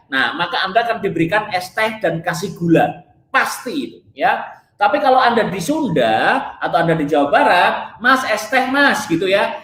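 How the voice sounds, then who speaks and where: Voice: mid-range voice, a bit bright. A diet coach gives a blunt, emphatic motivational talk, firing off rhetorical questions and answering them. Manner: keeps addressing listeners as friends, blunt and scolding. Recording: roomy echo.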